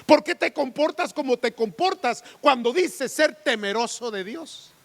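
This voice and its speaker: Pastor, man, very high and lively pitch, slow deliberate sermon delivery, long church hall reverb. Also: creaky. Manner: animated preaching with rhetorical questions. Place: church sanctuary.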